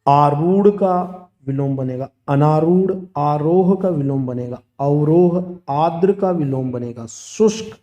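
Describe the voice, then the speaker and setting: A man's voice: on the high side, slow pace, dull audio. A man teaching a grammar lesson, steadily listing words and their opposites. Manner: steady, listing word pairs one after another.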